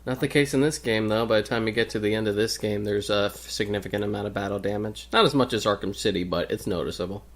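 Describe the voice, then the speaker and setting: Lower voiced guy, guest on a let's play, calm and analytical. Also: quick pace, few pauses. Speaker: guest co-commentator. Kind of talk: casual gameplay commentary.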